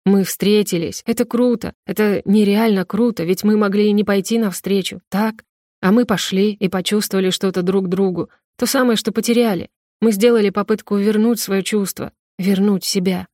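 A woman reading the part of an agitated young man who pleads with and lectures his girlfriend in a slow, insistent way, in an audiobook. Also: mid-range voice, fairly even intonation, warm tone, no room sound, studio quality, lightly acted. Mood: pleading.

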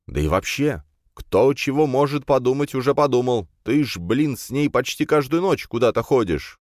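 A man's voice: mid-range voice, lively intonation, moderate pace, a little mellow, no room sound, clean studio sound, voice pushed up, close to an everyday voice. A man doing a whiny, pushy young student. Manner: whiny, insistent begging. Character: pleading young male student friend, pushy.

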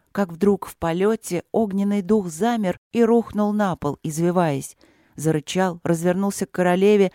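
An audiobook narrator reading a fantasy story in a measured storytelling way. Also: mid-range voice, mellow, dry recording, clean studio sound. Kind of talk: scripted narration.

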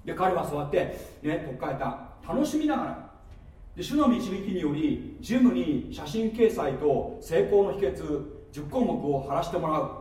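A man preaching a sermon, playful and animated, with asides and laughter, recorded from a distance in a church hall. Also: on the high side, moderate pace. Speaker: pastor. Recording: echoey hall from far off with faint noise.

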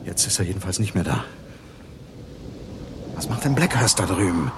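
An actor playing Clay Montague, an alarmed man in a radio crime drama, questioning tensely and shouting for his friend. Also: sits low, big pitch swings, moderate pace, creaky, background noise, exaggerated voice.

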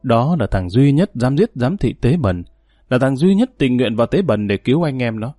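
A man's voice: mid-range voice, sing-song, moderate pace, mellow, no echo, clean studio sound, soft background music. A man reading an audiobook, voicing a tough, menacing male gang leader who talks in harsh threats. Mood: calm, lecturing.

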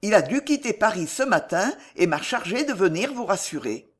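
Brief: woman doing a polite, steady young swordsman in a storybook. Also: mid-range voice, normal speed, slightly rough. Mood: reassuring. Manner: courteous, reassuring. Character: young male chevalier, bold and courteous.

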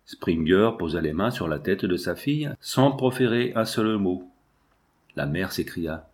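A man narrating a classic novel aloud in a measured, earnest reading. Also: deep voice, expressive. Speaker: audiobook narrator.

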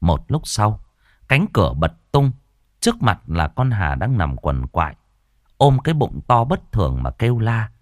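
A man narrating a horror story in an expressive, theatrical way. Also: lowish voice, normal speed, no room sound, studio quality.

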